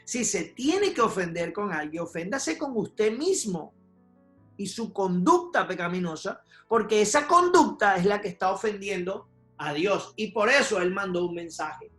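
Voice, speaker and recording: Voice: mid-range voice, lively intonation, a little slow, fairly bright tone. A preacher delivering a sermon to a congregation, emphatic and full of rhetorical questions and repeated checks for agreement. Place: church sanctuary. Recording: roomy church hall with faint music.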